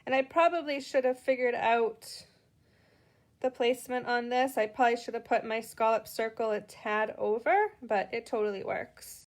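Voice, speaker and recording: A woman's voice: fairly high pitch, fairly even intonation, moderate pace. A middle-aged woman with a Boston accent, chatting through a live card-making tutorial and greeting viewers as she works.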